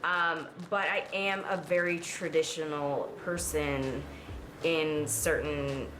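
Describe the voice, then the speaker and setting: Young woman in her twenties, casual beauty vlogger, chatty and rambling, lower voice. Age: 20s. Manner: rambling, chatty, lots of fillers. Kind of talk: casual chat while doing makeup. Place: at home in front of a mirror.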